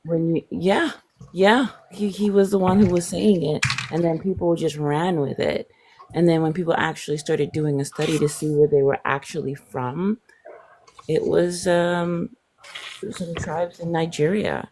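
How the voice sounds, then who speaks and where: A woman from the Dutch Caribbean calls in with a very low voice. She talks hesitantly, filling gaps with ums, and faint noise sits behind her. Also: steady tone. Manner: hesitant, many pauses and fillers. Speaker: caller in a debate. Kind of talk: casual call-in chat.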